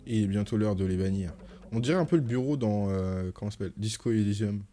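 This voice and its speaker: A man's voice: fairly low pitch, fast talker, mellow, soft background music. French man streaming a game at home. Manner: reads game lines in playful put-on voices, chats with viewers. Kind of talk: live game stream, reading dialogue aloud. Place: home, with cats nearby.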